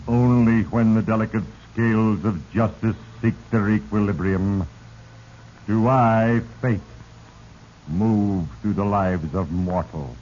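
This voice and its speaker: An actor playing Fate, a sinister, solemn narrator with a pompous, ominous delivery in a 1940s radio drama. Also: male voice, lowish voice, slow, darkish tone. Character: Fate, sinister solemn narrator who manipulates mortal lives. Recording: muffled, noisy 1940s radio recording.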